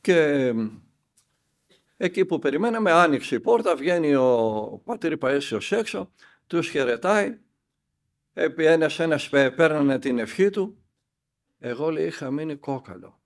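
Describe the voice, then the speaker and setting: An older man, an elder monk, tells a spiritual story and acts out the dialogue with lively emphasis. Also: fairly high pitch, long pauses.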